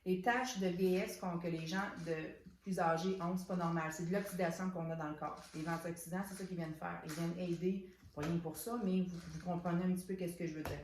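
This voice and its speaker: A chatty woman with a Québécois accent walks through products in a relaxed unboxing chat, stumbling over words and leaning on "donc". Her voice sits a bit low for a woman. It rings in an echoey room. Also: fairly quick, few pauses, a little hiss or hum. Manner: chatty, many restarts and "donc" fillers. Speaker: soap shop owner presenting products.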